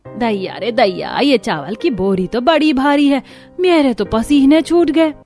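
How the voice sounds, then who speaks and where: A woman's voice: sits high, lively intonation, a little slow, a little mellow, soft background music. Woman playing a scolding mother-in-law. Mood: irritated. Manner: scolding, dramatic. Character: bossy mother-in-law, sharp-tongued. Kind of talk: cartoon voice acting.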